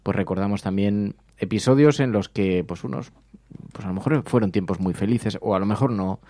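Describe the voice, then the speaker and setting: Animated man, radio host. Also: lowish voice, moderate pace, dry recording, clean studio sound. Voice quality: animated storyteller, acts out quotes. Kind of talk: casual chat.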